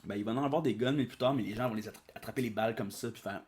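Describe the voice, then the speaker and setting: A man's voice: lowish voice, very fast, a little mellow. A man casually reading a manga aloud, with chatty asides and many hesitations. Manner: chatty, aside-filled, hesitant filler-heavy commentary. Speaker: audiobook reader and commentator.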